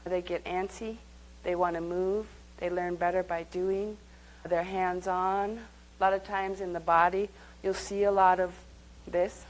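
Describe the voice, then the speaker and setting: A woman's voice: fairly low pitch, little pitch movement, unhurried, hardly any pauses, poor audio. A woman leading a live workshop, speaking conversationally and guiding the group through exercises. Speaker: workshop teacher.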